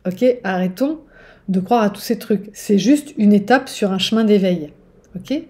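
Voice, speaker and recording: A woman's voice: medium pitch, a little slow, darkish tone. A woman giving a casual teaching monologue as a spiritual relationship coach, chatty and digressive, often checking in with listeners. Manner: digressive, with restarts.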